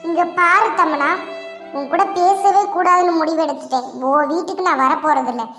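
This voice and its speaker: A woman playing a loud, defiant young wife. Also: high-pitched, moderate pace, reverberant, long reverb tail, soft background music. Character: stubborn angry young wife refusing to return.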